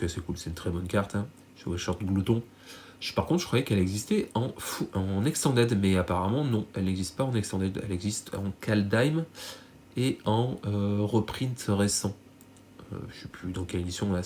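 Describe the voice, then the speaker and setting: A man talks through his card purchases in a loose, rambling way, full of "euh" and restarts. His voice is nasal and stuffed up from a cold, sitting a little low. A faint hum runs underneath. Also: a little mellow. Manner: rambling, many fillers and self-corrections. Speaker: card collector YouTuber. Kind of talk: casual unboxing chat to viewers.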